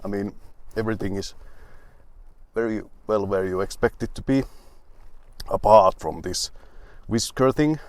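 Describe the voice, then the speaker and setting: A young man with a fairly low voice reviews an old car in a dry, wry way. He rambles through restarts and asides and grumbles about the quirks he finds. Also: a little slow, no echo.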